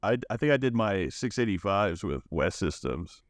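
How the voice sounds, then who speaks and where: Low-voiced man trading easygoing banter. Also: big pitch swings, no room sound, clean studio sound. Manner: easygoing, quick to laugh, teasing banter. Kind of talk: casual podcast chat.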